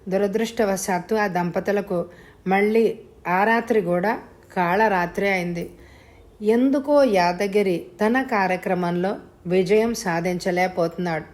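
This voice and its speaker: A woman narrating a suspense thriller as a storyteller, in a steady, dramatic reading. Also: medium pitch. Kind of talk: scripted narration.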